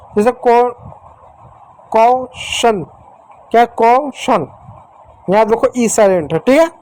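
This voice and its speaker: A man teaching young children letter sounds in a patient, repetitive way, slowly sounding out letters and speaking to the children directly and affectionately. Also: extremely high pitch, a little mellow, a little hiss or hum, low-quality recording. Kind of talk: phonics lesson for young children.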